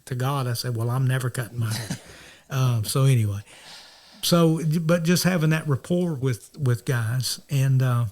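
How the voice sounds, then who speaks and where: A man's voice: mid-range voice, moderate pace, darkish tone. A middle-aged man from North Georgia, a minister telling stories in a rambling way, often restarting and acting out the dialogue. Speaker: minister, interview guest. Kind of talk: casual storytelling.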